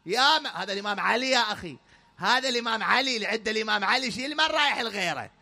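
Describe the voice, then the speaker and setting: A man with an Iraqi accent delivers a religious lecture in a high, gravelly voice with a very bright, forceful edge. He fires off rhetorical questions and slows right down to recite prayers. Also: animated. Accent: Iraqi Arabic.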